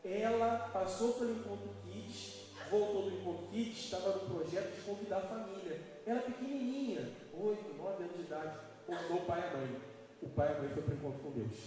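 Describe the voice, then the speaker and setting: A man's voice: sits high, brisk. A man preaching a live sermon as pastor, emphatic and questioning his congregation. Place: church hall. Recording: echoey hall from far off, music behind.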